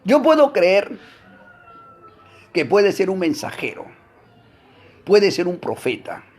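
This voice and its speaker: A man teaching a Bible class, preaching emphatically with rhetorical questions to his listeners, swinging between loud exclamations and low asides. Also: wildly swooping pitch, takes it slowly.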